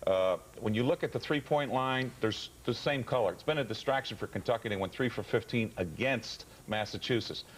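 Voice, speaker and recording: A man's voice: medium pitch, fairly quick, few pauses, a little hiss or hum. A man giving basketball analysis on a sports panel.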